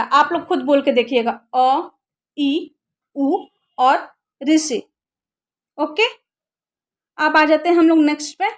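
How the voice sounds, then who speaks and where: A young woman teaching an exam-prep lesson, who asks her class questions and answers them herself while repeating the key terms. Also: high voice.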